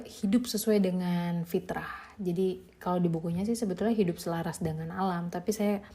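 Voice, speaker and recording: A woman's voice: fairly low pitch, mellow. A young woman, a mother, chatting casually as a podcast host reviewing a book, informal and easygoing with light laughs.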